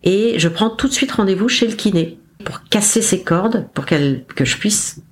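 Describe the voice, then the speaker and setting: A woman, a podcast guest, recounting her experience in a casual, animated way, acting out her own lines with self-mocking humour. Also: medium pitch, normal speed. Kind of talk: casual storytelling interview.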